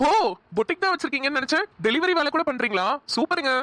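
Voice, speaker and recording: A woman's voice: high-pitched, animated, racing, pushed and bright, no echo. A woman voicing a polite, eager young man in a cartoon, speaking in a friendly, courteous way. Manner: friendly, apologetic. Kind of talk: cartoon voice acting.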